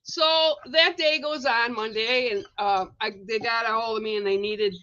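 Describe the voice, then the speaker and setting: A woman's voice: fairly high pitch, normal speed, a crowd in the background. A woman on a spirituality livestream telling a story in casual chat, acting out the voices of the people in it. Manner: animated storyteller, acts out quoted voices. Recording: dull lo-fi livestream audio.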